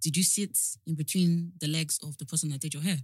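A woman's voice: low voice, steady tone, a little fast, a little mellow. A young woman, hosting a casual podcast chat. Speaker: podcast host.

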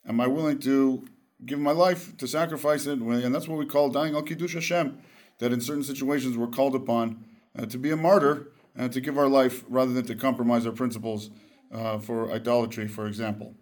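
A man who is a rabbi giving a short religious talk, calm and explanatory. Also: mid-range voice, fairly quick.

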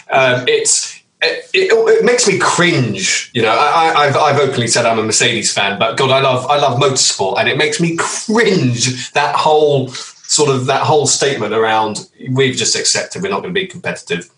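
Bright-voiced man, off-mic in a roomy space. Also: mid-range voice, moderate pace. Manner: lively, steering the talk. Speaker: podcast host. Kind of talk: casual chat. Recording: roomy and distant.

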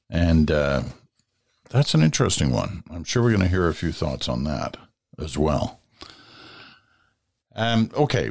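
Deep-voiced man hosting and reading letters. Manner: self-deprecating, chatty, with fillers. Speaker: podcast host. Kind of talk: casual show hosting, reading listener letters.

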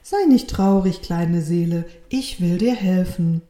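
A woman's voice: on the low side, unhurried, dark tone, lightly acted. A woman voicing a kind, loving friendly soul in a storybook reading, speaking in a reassuring, lilting way. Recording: roomy echo.

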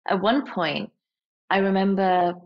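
Lively woman in her forties. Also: mid-range voice, a little slow. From England. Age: 40s. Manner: lively, laughs often, acts out quoted voices. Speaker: podcast guest. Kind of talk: candid storytelling in conversation. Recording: slightly dull lo-fi audio.

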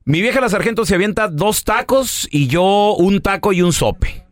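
A man's voice: high voice, expressive, moderate pace, dry recording, studio quality. A man with a Mexican accent hosting a radio show, telling anecdotes in slangy casual chat and acting out the voices. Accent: Mexican Spanish.

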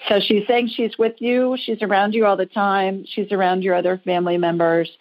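Speaking a little fast with a flat delivery and medium pitch, an American-accented woman hosts a call-in psychic show. Her conversational readings come across as chatty, informal, and reassuring, on dull lo-fi audio.

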